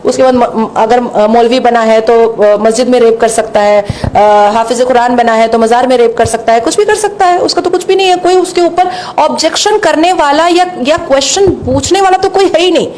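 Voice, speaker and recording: Woman commentator, fairly high voice, emphatic and repetitive delivery. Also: moderate pace, few pauses, darkish tone, a little hiss or hum.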